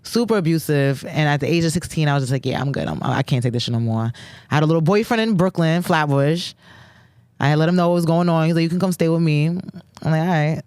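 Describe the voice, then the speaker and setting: A woman's voice: deep voice, fast, a little mellow, clear, resonant tone, no echo, clean studio sound. A woman in her thirties with a Jamaican accent mixed with New York, blunt and casual, telling stories as a podcast co-host. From Jamaica and New Jersey. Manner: blunt, swears casually, storytelling. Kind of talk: casual chat.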